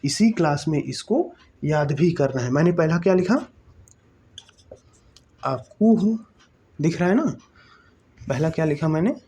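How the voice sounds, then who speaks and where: A teacher works through an exam-prep lesson at an unhurried pace, repeating each term several times. The voice is dark and mellow, and the teacher keeps asking the class rhetorical questions and checking that they follow along. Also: mid-range voice, lively intonation, slight background noise. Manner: checks in with "okay?" often.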